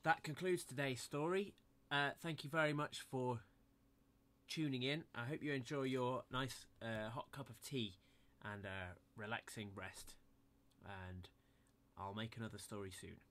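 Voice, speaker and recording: A man's voice: medium pitch, fairly even intonation, unhurried, fairly bright tone, slight background noise. A man narrating a comic bedtime-style story in a playful, mock-innocent storybook manner.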